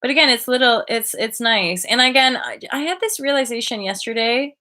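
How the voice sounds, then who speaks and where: A woman in her thirties hosting a casual live chat from a bedroom, chatty and animated, full of likes and restarts, heard through a webcam mic. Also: a little high, a little fast. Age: 30s. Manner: animated, gestures a lot, laughs often. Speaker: livestream host. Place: bedroom indoors. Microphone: webcam at desk distance.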